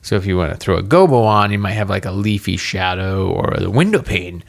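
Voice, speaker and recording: A man co-hosting a casual podcast from a room at home, rambling and breaking off mid-thought with quick laughs. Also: deep voice, expressive, creaky. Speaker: podcast co-host. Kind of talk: casual chat.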